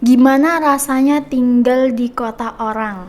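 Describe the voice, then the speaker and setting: A woman's voice: high voice, fairly even intonation, measured pace. A young woman hosting a casual podcast interview, chatty and prompting her guest with little fillers. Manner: chatty, friendly prompting with many hmm and nih fillers. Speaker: podcast host.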